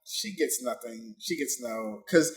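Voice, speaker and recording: Lively, animated young man joking around. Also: mid-range voice, unhurried. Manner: animated, joking, rambling with many fillers. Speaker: podcast co-host. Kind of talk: casual chat.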